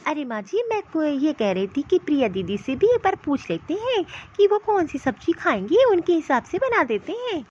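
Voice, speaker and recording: A woman's voice: sits high, sing-song, normal speed, hardly any pauses, a little mellow, lo-fi sound. A woman voicing a polite, obliging young daughter-in-law in a cartoon, speaking sweetly and respectfully. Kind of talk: Hindi cartoon voice acting.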